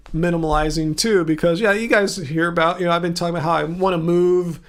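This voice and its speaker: Gravelly high-voiced man chatting on a livestream. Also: fairly bright tone. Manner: rambling, chatty, many restarts, reads comments aloud. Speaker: livestream host. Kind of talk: casual livestream chat reading viewer comments. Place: home room.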